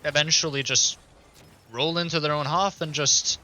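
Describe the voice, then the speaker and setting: Man, esports play-by-play, very bright tone, quick excited calls, slightly high voice. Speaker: esports caster. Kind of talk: play-by-play commentary.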